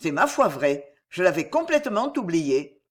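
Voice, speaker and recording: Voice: medium pitch, big pitch swings, normal speed. An audiobook reader voicing a proud nobleman, a duke who swears and sighs. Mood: wry. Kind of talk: audiobook reading of a historical novel.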